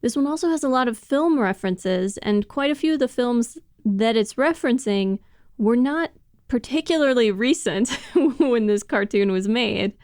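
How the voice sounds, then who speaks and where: A woman's voice: fairly high pitch, expressive, normal speed, darkish tone, no echo, clean studio sound. A woman co-hosting a casual podcast discussion, explaining things in detail and laughing often as she talks. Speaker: podcast co-host.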